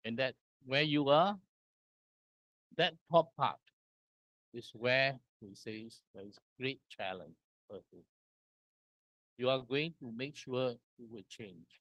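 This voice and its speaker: Man, from Singapore, conference talk, slow deliberate phrasing, mid pitch, dry sound. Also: a bit bright, dry recording. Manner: slow and deliberate, pausing between short phrases. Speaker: conference speaker. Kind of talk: conference presentation walking through slides. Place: conference hall.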